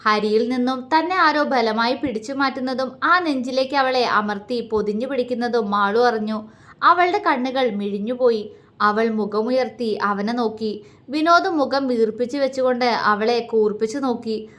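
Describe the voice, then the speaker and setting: A woman with a Malayali accent narrating a romantic family audio story in an expressive, steady reading voice. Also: a little high, normal speed.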